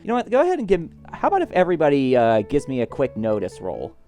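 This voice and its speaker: A man runs a tabletop session, narrating scenes and calling for rolls. His pitch moves a lot as he talks, casual and full of fillers. Soft guitar plays behind him. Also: huge pitch swings, quick pace. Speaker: game master.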